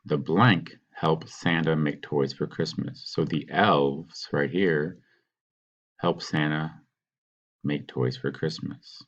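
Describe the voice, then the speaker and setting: A man teaching, patiently talking students through a worksheet and sounding out words slowly. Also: very deep voice, lo-fi sound. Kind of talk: recorded classroom walkthrough.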